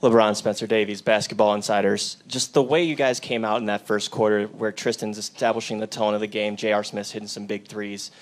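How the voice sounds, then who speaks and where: A man's voice: on the low side, little pitch movement, a little fast, few pauses. A male reporter asking a player questions at a press conference, in a plain, direct way.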